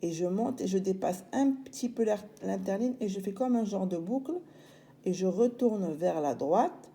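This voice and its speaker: A woman's voice: mid-range voice, expressive, dark tone. A woman teacher, patiently walking young children through writing a letter step by step. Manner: slow, patient, step-by-step explaining. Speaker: primary school teacher. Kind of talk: handwriting lesson for children.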